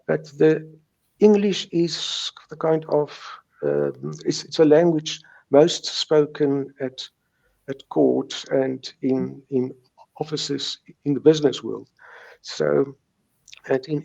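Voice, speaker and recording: A middle-aged native Afrikaans speaker with a South African accent recounts his recovery from stuttering in an interview. His medium-pitched voice is gravelly and warm, he stutters and repeats words and sounds, and the recording is rough.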